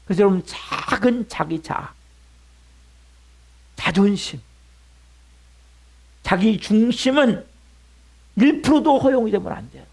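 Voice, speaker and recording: Middle-aged male pastor, high voice, wide swings in pitch, emphatic sermon delivery that drops to hushed lines. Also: animated, takes it slowly, long pauses, slightly rough. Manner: emphatic preaching with rhetorical questions, sudden drops to a hush.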